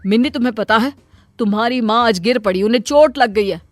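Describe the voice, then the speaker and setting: A woman voicing a short-tempered middle-aged father in a cartoon story, speaking in a brisk, scolding way. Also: a little high, no echo, faint music behind, lightly acted.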